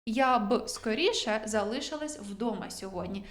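A young woman who speaks Ukrainian as her first language teaches English words in a relaxed, chatty way, poking fun at her own pronunciation. Her voice sits a little high, and she slows right down whenever she reads an English example. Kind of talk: vocabulary lesson.

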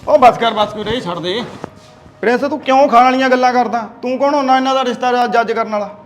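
A man playing a neighbour breaking up a fight in a family drama, shouting urgently. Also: sits high, steady tone, fast, a little hiss or hum, lightly acted. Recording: shouting from far off, music behind.

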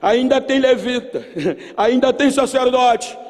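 An older Brazilian pastor in his sixties preaches an emphatic, oratorical sermon at a youth Bible seminar, speaking into a podium-stand microphone before a large congregation in a big church auditorium. His very high-pitched voice has a darkish tone, fairly even intonation, and slow pace. The PA system adds a long hall reverb.

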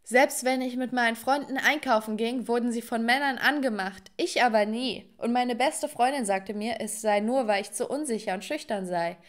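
A woman's voice: on the high side, normal speed, hardly any pauses. A young woman narrating a scripted first-person story and talking straight to viewers.

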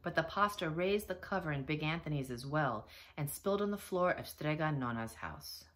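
A teacher reading a children's picture book aloud, with expressive storytelling. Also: female voice, low voice, moderate pace. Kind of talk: children's read-aloud narration.

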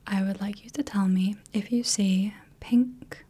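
A woman plays a gentle clinician in a whispered role-play, breathy and unhurried. She checks in kindly and reassures at every step. Her whisper is mellow and husky. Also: mid-range voice, fairly even intonation. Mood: soothing. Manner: soft, slow, reassuring, checks in often. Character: gentle female clinician testing the viewer's eyes. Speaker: ASMR creator playing a clinician running light tests.

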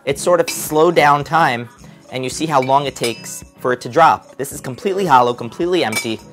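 Man, science vlog host, excitable, punchy exclamations, faint music behind. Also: mid-range voice, fairly quick. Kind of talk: enthusiastic product demo vlog.

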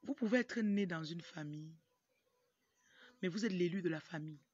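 Outdoors in a yard, a young woman from Cameroon who grew up in Tonga gives an informal motivational talk to camera as a livestream host, often breaking off into asides in her Cameroonian French accent. Her lowish, slightly mellow voice moves at a moderate pace. Recorded on a phone at arm's length, the audio is muffled and noisy, with a rooster crowing amid background noise.

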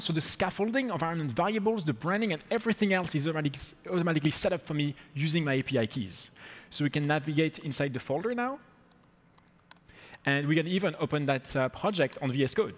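A man's voice: a little high, lively intonation, quick pace. A man in his thirties giving a live coding demo on a conference stage, walking through each step with upbeat energy. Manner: upbeat, walks through steps as he goes. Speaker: product demo presenter. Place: large conference hall, on stage. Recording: long hall reverb.

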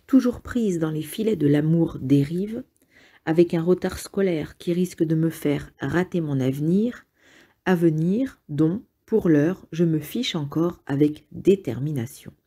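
A woman reading a memoir aloud in the first person, calm and measured. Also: low-pitched, breathy edge. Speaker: reader.

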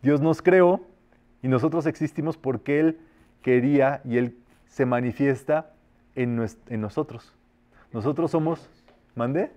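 A man teaching a metaphysics class, urging listeners on in a colloquial way and slowly intoning spoken decrees. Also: medium pitch, mellow, highs cut off. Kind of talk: spiritual class leading group decrees.

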